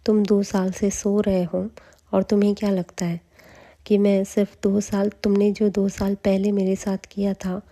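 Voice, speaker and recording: A cold, proud queen, nursing an old grievance, read by a woman narrating a story recap. She speaks slowly in a dark, mellow tone with a flat line. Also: mid-range voice, lightly acted.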